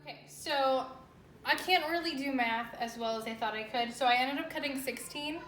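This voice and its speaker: A woman's voice: high-pitched, normal speed, over music. A woman hosting a home baking tutorial, talking the viewer through each step in a chatty, informal way. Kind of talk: casual step-by-step cooking demonstration. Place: indoor home kitchen with echo. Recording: echoey room, faint background noise.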